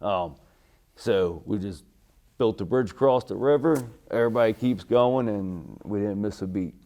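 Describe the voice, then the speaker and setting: Middle-aged American male veteran, low relaxed voice, remembering service days in halting, courteous interview answers. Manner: veteran remembering, halting recall with deferential politeness. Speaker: military veteran being interviewed. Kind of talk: oral history interview, recalling army service.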